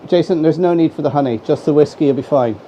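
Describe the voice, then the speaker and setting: A fast-talking Irish man with a fairly high, mellow voice hosts a casual live stream, greeting viewers by name while sounding stuffy from a head cold. The setting is his home model railway room, and the recording is a dull, slightly lo-fi home mic with some faint noise.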